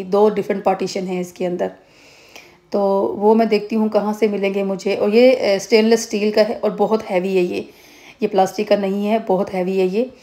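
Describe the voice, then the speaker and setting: A woman in her thirties from Pakistan talks through a casual home vlog into a phone camera held close. Her voice is warm and dark and stays even, with little rise and fall. She rambles along with many fillers and restarts. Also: medium pitch. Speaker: vlogger. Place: home, indoors.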